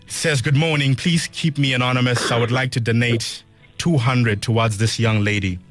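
A man's voice: mid-range voice, steady tone, moderate pace. A South African man presenting a morning radio show like a DJ, speaking earnestly and emphatically, repeating phrases as he appeals to listeners. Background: music under the voice.

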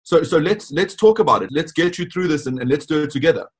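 A man's voice: on the high side, animated, fast talker, breathy edge. A man of about twenty, a student founder speaking eagerly in a podcast interview, often repeating words as he goes. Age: 20s.

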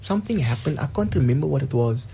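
A man's voice: mid-range voice, lively intonation, fast talker, gravelly, dark tone, slight background noise. A man with a South African accent giving casual devotional talk, earnest and emphatic, repeating words to drive his point home.

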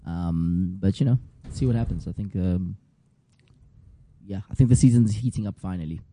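In casual podcast chat, this South African co-host, a Zulu speaker, laughs a lot and banters easily into a studio mic. His voice sits low at normal speed, dark and worn, with strain from shouting.

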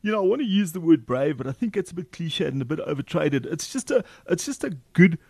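Fast-talking South African male host. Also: fairly high pitch, sing-song, creaky, darkish tone, dry recording, clean studio sound. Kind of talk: conversational interview hosting.

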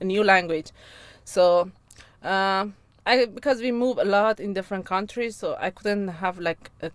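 A woman from Iran, a native Persian speaker, is a guest in a casual chat, speaking halting second-language English and laughing often. Her voice is lowish, with no echo.

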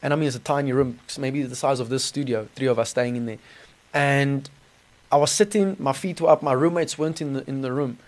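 A man's voice: medium pitch, brisk. A man with a South African accent giving a personal testimony in an informal, earnest, conversational way with colloquial slang. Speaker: podcast guest telling his testimony. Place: small studio.

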